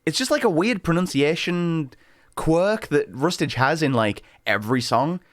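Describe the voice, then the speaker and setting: A man hosting a music reaction video, talking casually and excitedly, often tripping over his words as he rambles. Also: on the high side, moderate pace, dry recording, studio quality. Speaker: reaction channel host.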